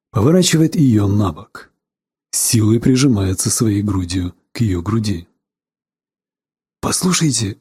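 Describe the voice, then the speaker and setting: Male narrator, audiobook reading, clipped delivery, mellow tone, very husky. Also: fairly low pitch. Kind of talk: scripted narration of a novel.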